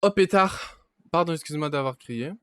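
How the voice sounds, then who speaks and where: With studio-quality sound and no room echo, a young gaming streamer offers laid-back let's-play commentary, muttering to himself, swearing, and letting out panicky yelps and shouts. His voice is a little high, clear and resonant, at a moderate pace.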